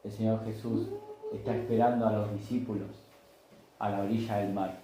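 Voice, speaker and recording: A man's voice: fairly low pitch, steady tone, normal speed, dark tone, a little hiss or hum. Man preaching, echoey church. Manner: conversational storytelling, acting out voices in dialogue. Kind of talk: Sunday sermon.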